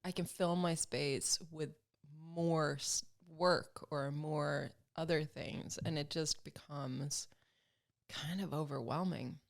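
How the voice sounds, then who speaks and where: A woman in her thirties speaks as a podcast guest, her voice low and roughened by a steady gravelly fry. She talks casually and reflectively, thinking aloud and stopping for small fillers. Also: slow. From Sweden, grew up in Alabama. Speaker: podcast guest, film producer and motorcyclist. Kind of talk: casual conversational interview.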